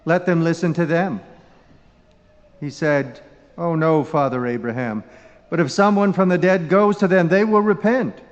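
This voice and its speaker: A man reading the Gospel at Mass in a solemn, measured, formal way, his voice echoing as in a cathedral. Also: fairly high pitch. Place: large reverberant church. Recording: dull recording with long cathedral-like echo.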